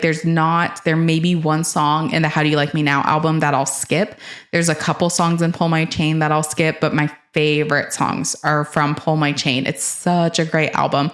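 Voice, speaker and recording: Young woman w a low voice, gushing about songs she loves, lots of um and like. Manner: rambling, enthusiastic, many fillers and restarts. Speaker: host. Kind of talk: casual chat about music.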